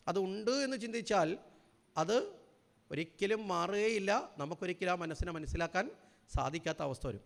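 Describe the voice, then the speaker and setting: A man giving a spiritual talk to a gathering, often asking the audience questions and slowing down to stress key words. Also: high-pitched, vocal fry, long reverb tail. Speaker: spiritual speaker.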